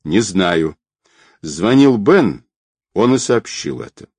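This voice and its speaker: A man voicing a terse male bodyguard in an audiobook, reporting news flatly. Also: fairly low pitch, takes it slowly, slightly rough, dry recording, full character voice.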